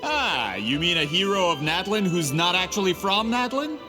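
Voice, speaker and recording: A man voices a greedy, scheming printing merchant in a game cutscene, sounding smug and scornful. His voice is high-pitched with big pitch swings at normal speed, and the game audio carries reverb and music.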